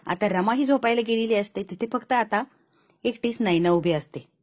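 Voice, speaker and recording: A woman casually recaps a TV serial episode, acting out each character's dialogue as she goes. Her voice sits fairly high and has a husky, breathy edge. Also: moderate pace, a little mellow. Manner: retells scenes, voicing each character's lines herself.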